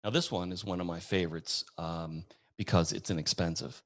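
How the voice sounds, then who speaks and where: A man's voice: sits low, fairly even intonation, fairly quick, fairly bright tone, dry recording. A man giving a casual webinar lesson, chatty and folksy, telling anecdotes with acted-out dialogue. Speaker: webinar presenter.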